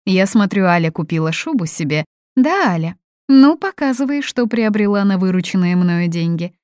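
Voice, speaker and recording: A woman voicing a shrill, domineering older mother who scolds and screeches in indignation. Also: lively intonation, normal speed, darkish tone, dry recording, studio quality, lightly acted. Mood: sarcastic.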